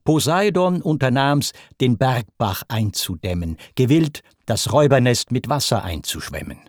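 A man's voice: medium pitch, a little mellow, no room sound, clean studio sound. A man reciting an epic poem, declamatory and rhythmic. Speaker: narrator. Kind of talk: dramatic verse recitation.

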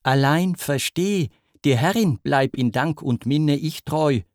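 A man's voice: a little high, takes it slowly, a little mellow, dry recording, studio quality. A man voicing a young woman from myth, coy and pleading in a raised, imploring voice. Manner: raised, imploring, sighing delivery.

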